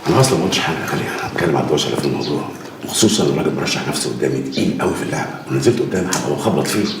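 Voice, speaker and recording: A man's voice: a bass voice, lively intonation, racing, vocal fry, background noise, exaggerated voice. Fields: Accent: Egyptian. Figure: a wary aging father. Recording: echoey, distant.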